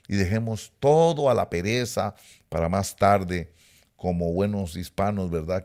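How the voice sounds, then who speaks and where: A man's voice: sits low, gravelly, a little mellow. A middle-aged man preaching a sermon, emphatic and repetitive, speaking straight to his listeners. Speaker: pastor.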